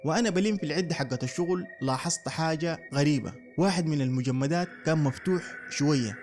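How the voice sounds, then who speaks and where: A man's voice: a little high, darkish tone. A man narrating a first-person horror story in a dramatic way.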